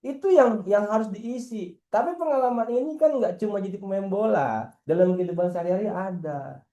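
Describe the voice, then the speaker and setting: In an internal team meeting, a football coach talks casually, lively and slangy, teasing his players and asking rhetorical questions. His voice sits high and moves fairly quickly, with a roomy sound.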